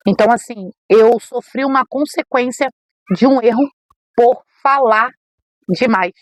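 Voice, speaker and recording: Middle-aged woman, preacher guest, animated spoken testimony, dry close sound, mid pitch. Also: no room sound. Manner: animated storytelling, acts out quoted voices. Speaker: podcast guest, missionary preacher. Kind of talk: emotional personal testimony.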